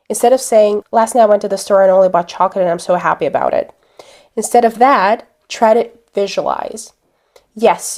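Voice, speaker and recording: Deliberate-speaking woman coach. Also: mid-range voice, darkish tone. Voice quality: deliberate, clear pacing with pauses. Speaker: accent coach. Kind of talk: instructional talk to camera.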